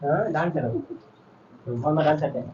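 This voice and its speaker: A man's voice: a little high, fairly even intonation, measured pace, a little mellow, lo-fi sound. A man hosting a home prank video, teasing and coaxing his wife in casual banter.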